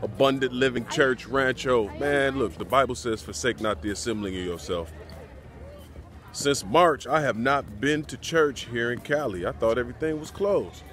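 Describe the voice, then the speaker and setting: A man's voice: mid-range voice, normal speed, a bit bright, faint music behind. A man in his forties vlogging outdoors to a phone held at arm's length, talking in an upbeat, preachy way straight to his viewers. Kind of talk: casual vlog talk to camera. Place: outdoors on a church campus and a mountain lookout.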